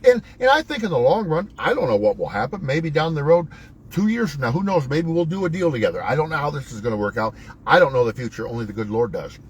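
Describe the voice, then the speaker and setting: A man's voice: on the high side, very animated, quick pace, slight background noise. A man hosting a real estate channel, giving a folksy, preachy pep talk that quotes scripture and jokes at his own expense. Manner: self-mocking jokes. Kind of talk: motivational monologue.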